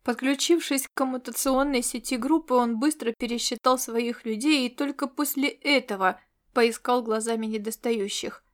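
A woman reading a science fiction audiobook in scripted narration, with expressive delivery. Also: on the high side, normal speed.

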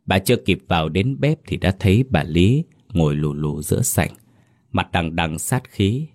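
Horror narrator, male, deep, slow and grave delivery. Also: lively intonation, darkish tone. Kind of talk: scripted horror story narration.

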